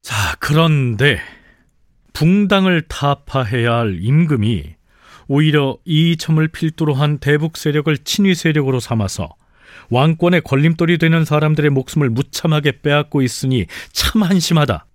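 A man hosting and narrating a history program in clear, explanatory scripted speech. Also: on the high side, expressive, moderate pace, no echo, clean studio sound.

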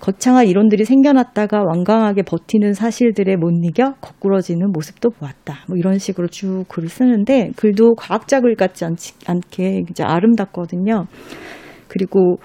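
Woman, mellow tone, dry close sound, talks books and reads passages aloud at an unhurried pace. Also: mid-range voice, no room sound. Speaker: book recommender guest. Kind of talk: casual talk about books.

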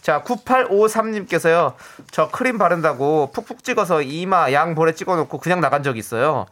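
Animated high-voiced male radio host. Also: brisk. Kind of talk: lively radio hosting, reading listener messages. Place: radio studio.

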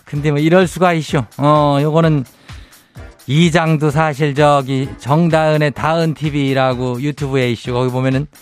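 A man with a Chungcheong Korean accent hosting a radio show, reading listener messages and giving folksy, teasing, homespun advice in a casual chat. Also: fairly high pitch.

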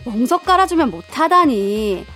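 Animated high-voiced woman in a radio skit. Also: moderate pace. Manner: animated, dramatic, comic. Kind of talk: scripted radio comedy skit. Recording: faint music underneath.

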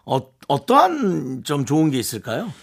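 A male radio host with a slightly high voice that swoops up and down as he talks. He chats in a studio in a playful, teasing way and breaks into laughter often. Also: wildly swooping pitch, normal speed, creaky. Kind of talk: casual radio chat.

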